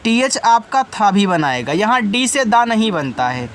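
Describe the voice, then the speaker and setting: Speaking a little slowly in a high, sing-song voice, a male English teacher gives an online spelling class. He sounds out every word letter by letter, then explains its meaning, talking straight to students and correcting his own mistakes, with slight background noise.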